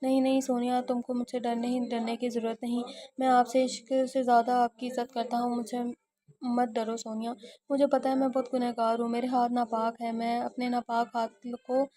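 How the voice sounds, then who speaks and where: A woman's voice: on the high side, little pitch movement, dark tone, natural voice. A woman reading the part of a lovesick gangster man who earnestly pleads his love in an audio novel. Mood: pleading.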